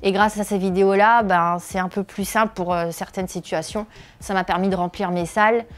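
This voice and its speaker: A woman in her thirties from northeastern France speaks in a mid-range voice with a steady tone and a brisk pace. She's a comedian and video creator answering interview questions, hesitant and full of filler sounds.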